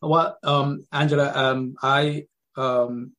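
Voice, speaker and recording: A middle-aged man from Guyana, a pastor, telling his life story as a podcast guest, with many pauses and ums. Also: mid-range voice, flat delivery, fairly bright tone. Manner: hesitant, many ums, repeats words.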